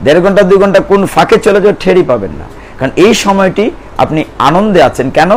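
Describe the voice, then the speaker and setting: Earnest preacher, slightly high voice. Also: male voice, lively intonation, fast, a little hiss or hum, low-quality recording. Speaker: Gita preacher. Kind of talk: devotional sermon with chanting.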